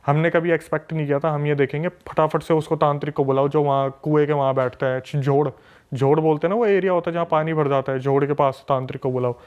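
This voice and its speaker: A podcast guest, a man from a city, telling a story in an animated, emphatic way with lots of repetition. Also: fairly high pitch, quick pace, smooth. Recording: dull lo-fi recording.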